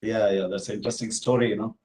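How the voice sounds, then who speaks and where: In a rapid-fire, dark-toned voice that sits lowish with little pitch movement, a Bangalore-born genomics professor answers audience questions following his invited lecture. Before the audience in an office hall, he explains every step, filling it with "uh" and "you know."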